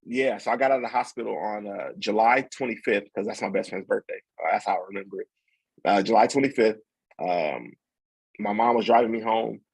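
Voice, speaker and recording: A young man, a podcast guest, telling a story in a relaxed, rambling way with plenty of fillers and restarts. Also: fairly low pitch, fairly quick, vocal fry, breathy edge, no room sound, poor audio. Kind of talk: casual storytelling.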